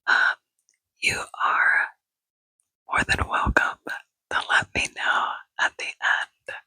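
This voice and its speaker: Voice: takes it slowly, pushed and bright, no echo, low-quality recording. An ASMR creator in a rambling, chatty whisper with many fillers, speaking close to a microphone held near the mouth, seated indoors. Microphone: close mic held near the mouth.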